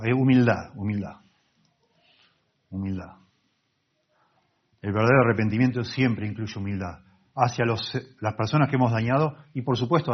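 A male pastor preaching a sermon earnestly, repeating key words, in a husky voice on a slightly muffled recording. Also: on the low side.

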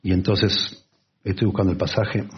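A man preaching a conversational Bible sermon, with lively asides and acted-out quotes. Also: sits low, moderate pace, breathy edge, highs cut off.

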